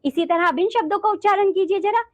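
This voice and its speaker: A woman's voice: very high voice, fast. A woman teacher giving a classroom lesson, explaining patiently and often addressing the children directly.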